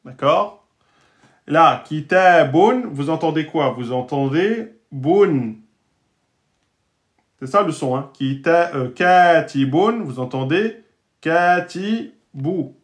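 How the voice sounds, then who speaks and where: A man with a fairly high, animated voice gives French-speaking learners a lesson on the Arabic alphabet and Quran reading. He patiently sounds out and repeats Arabic words slowly, regularly checking understanding with "d'accord?" and "hein?"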